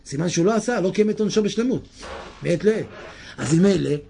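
A man giving a Torah sermon in an animated way, moving from hushed asides to shouted lines and often asking his listeners questions. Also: high-pitched, vocal fry, slight background noise. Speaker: preacher.

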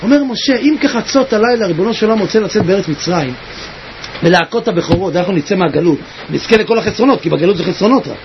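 Husky high-voiced guy preaching, yells and cries then drops real low, big swings. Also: lively intonation, dull audio, background noise. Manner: swings from shouting and crying to low murmurs. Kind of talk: impassioned sermon.

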